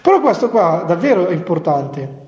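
Male friar preaching a relaxed retreat talk, higher voice, mellow tone, chatty with wry asides; echoey hall. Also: moderate pace. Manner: chatty, with humorous asides and chuckles. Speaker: Franciscan friar giving a retreat talk to nuns. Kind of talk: conversational spiritual talk. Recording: echoey hall with long reverb.

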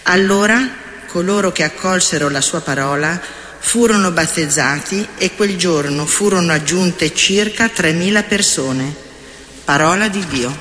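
A man with a fairly high voice reads scripture and the psalm in a solemn, even way. Long church reverb trails each phrase, with faint room ambience underneath. The delivery is a plain liturgical reading. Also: measured pace, a little hiss or hum. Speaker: lector.

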